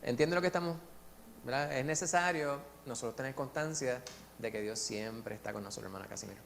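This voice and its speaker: A man with a Puerto Rican accent leading a church Bible study, lively and joking, asking the group questions. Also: medium pitch, fairly quick, creaky. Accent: Puerto Rican Spanish. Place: church meeting room. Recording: faint hum in a long-reverb hall.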